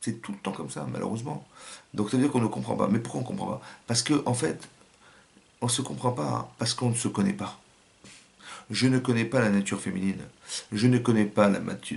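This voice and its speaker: Gravelly-voiced French rabbi teaching. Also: male voice, lowish voice, a little fast, darkish tone. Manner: acts out little scenes and quotes with shifting voice. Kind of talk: religious lesson.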